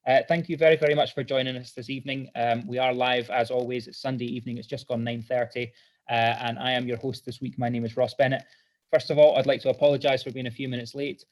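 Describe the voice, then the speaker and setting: A man's voice: mid-range voice, little pitch movement, quick pace, poor audio. A man hosting a live fan podcast in a chatty, self-deprecating way. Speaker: podcast host.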